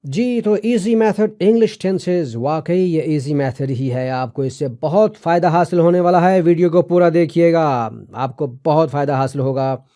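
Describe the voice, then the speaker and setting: Patient, mellow-voiced male English teacher. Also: fairly high pitch. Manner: patient, repeats key terms with slow emphasis; reassuring, asks viewers to remember. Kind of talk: explanatory video lesson.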